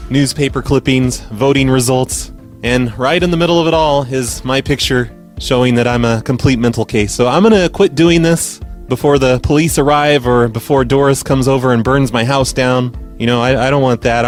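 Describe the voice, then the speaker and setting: A man with a middling-pitched voice talks in a casual, deadpan way, as a prank caller and podcast host would. He sounds mock-earnest, stating silly things as if they were perfectly serious.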